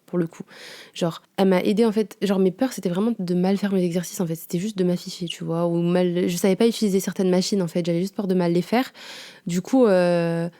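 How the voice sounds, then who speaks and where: A woman's voice: fairly low pitch, mellow. A young woman, telling a story in a casual, slangy podcast chat with lots of fillers. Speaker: podcast host. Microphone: home podcast microphone.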